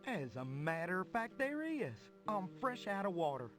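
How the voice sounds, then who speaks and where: An actor voicing a friendly, folksy cowboy train who talks like the Old West in a children's game. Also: male voice, sits high, sing-song, normal speed, fairly bright tone, soft background music. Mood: folksy, coaxing. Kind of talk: children's adventure game voice acting.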